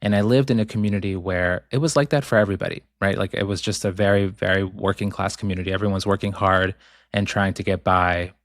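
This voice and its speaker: Calm low-voiced man, reflective. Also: quick pace, no echo, studio quality. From Ecuador, raised in Boston. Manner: calm, thoughtful, with frequent ums. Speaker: author guest. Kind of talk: reflective interview talk.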